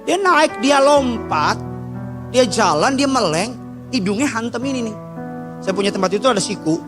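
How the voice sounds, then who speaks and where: A male pastor, preaching a sermon with animated storytelling and acting out voices. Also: high-pitched. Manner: animated storytelling, acting out voices of God, angels and his child.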